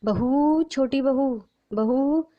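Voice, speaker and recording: A woman's voice: medium pitch, normal speed, dull audio, close to an everyday voice. A woman voicing a blind elderly mother-in-law who calls out plaintively in a storybook narration. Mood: calling loudly. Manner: calling out loudly, plaintive.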